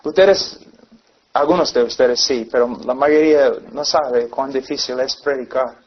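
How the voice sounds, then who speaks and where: A man's voice: mid-range voice, unhurried, breathy edge. A man preaching a sermon, earnestly telling illustrative stories. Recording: dull lo-fi recording.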